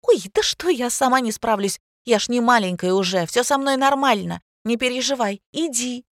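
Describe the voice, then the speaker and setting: An excitable young daughter chatters on, eager and bossy, as a woman narrator puts her on. The voice sits high and bright, insistent in every phrase. The recording is dry and close. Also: moderate pace, no echo.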